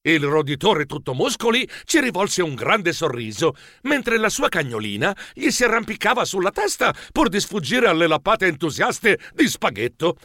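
A man narrating a children's storybook in an animated, expressive way. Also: high-pitched, moderate pace, hardly any pauses, no echo, clean studio sound. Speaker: audiobook narrator.

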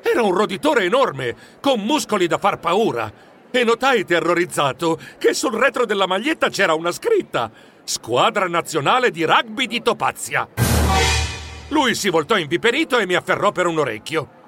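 A man telling a children's story in the first person as a fussy mouse editor, with lots of expression. His voice sits high and sounds bright, and his pitch rises and falls a lot. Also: very animated, normal speed, soft background music. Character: fussy male mouse newspaper editor, narrating. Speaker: narrator. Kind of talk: scripted audiobook narration.

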